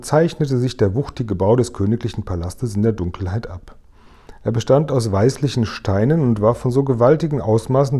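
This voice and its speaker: A man reading a children's book aloud in a calm, even storytelling voice. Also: medium pitch, slightly rough. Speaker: reader.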